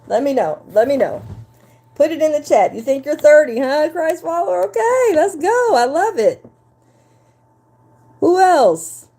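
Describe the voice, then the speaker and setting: A woman's voice: sits high, unhurried, long pauses. A woman in her fifties, a relationship coach, talking live to her viewers and the chat in a chatty, repetitive way. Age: 50s. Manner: animated, talks straight to the chat, repeats herself. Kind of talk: live-stream talk to viewers.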